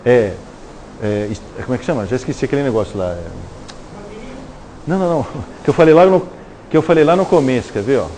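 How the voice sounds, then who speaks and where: A man's voice: mid-range voice, lively intonation, fast talker, pauses often, darkish tone, slight background noise. A middle-aged man with a Brazilian Portuguese accent giving a live spiritist lecture, acting out little dialogues and tagging questions to the audience. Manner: conversational, acts out dialogues, frequent "né?" tag questions. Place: lecture hall at a live event.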